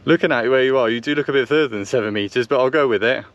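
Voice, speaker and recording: Over a noisy outdoor vehicle background and lo-fi sound, a man rattles off rapid-fire commentary in a mid-range voice. He's vlogging casually outdoors next to a vehicle in the countryside, thinking aloud and hesitating between to-camera remarks and radio check chat.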